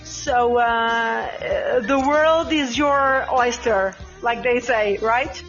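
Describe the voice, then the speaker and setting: Slow high-voiced woman host. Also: a bit bright, muffled recording, faint music behind. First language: Portuguese. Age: 30s. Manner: hesitant, many ums and restarts. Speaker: podcast host. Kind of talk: casual live chat.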